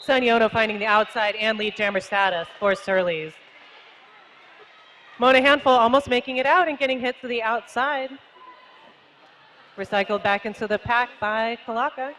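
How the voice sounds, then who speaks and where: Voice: mid-range voice, moderate pace, long pauses, sharp tone, slight background noise, rough recording. A roller derby commentator calling jams live in a chatty, casual way, with lots of fillers and easy laughter.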